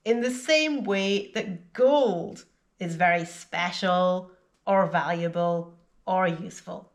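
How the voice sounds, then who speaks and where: A woman who is a native English speaker, giving a scripted vocabulary lesson with clear, deliberate teaching and repeat-after-me drills. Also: medium pitch.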